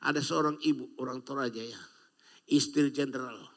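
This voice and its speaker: A man's voice: mid-range voice, steady tone, moderate pace, fairly bright tone. An older Indonesian man preaching a sermon, with calls and frequent amens to the congregation. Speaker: pastor.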